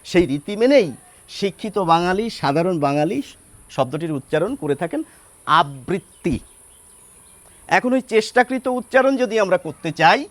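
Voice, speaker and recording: An older man with a Bengali accent, teaching pronunciation in a slow, deliberate lesson. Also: sits high. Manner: slow, deliberate demonstration of words. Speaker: language teacher.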